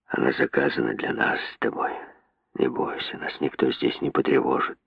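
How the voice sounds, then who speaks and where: A drunken young lecher, as a male reader plays him, leers in a deep, hoarse half-whisper. The voice is gravelly and husky, and the recording is dry and tinny like a phone. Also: fairly even intonation, moderate pace, no room sound, full character voice. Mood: leering. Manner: low hoarse near-whisper, leering. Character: drunken lecherous young man, coarse and pushy.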